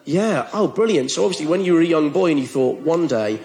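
Sarcastic male comedy host, slightly high voice, echoey room. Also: animated, fast, creaky, a little mellow. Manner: teasing, sarcastic, escalating mock outrage. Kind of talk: comedic interview, mock-accusatory banter. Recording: roomy echoey venue.

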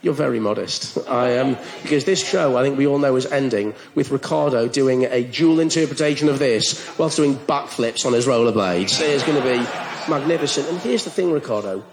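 A man's voice: medium pitch, brisk, vocal fry. Teasing man hosting a comedy interview. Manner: teasing, sarcastic, escalating mock outrage. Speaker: comedy show host. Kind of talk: comedic interview, mock-accusatory banter. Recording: roomy echoey venue.

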